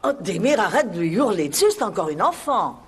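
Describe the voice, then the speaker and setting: A doting older mother with a soft, indulgent manner. Her pitch swings widely as she coos. Music plays underneath. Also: big pitch swings, brisk, slightly rough. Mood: tender. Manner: tender, coddling, then stern with her son. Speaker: grandmother figure in a dubbed series.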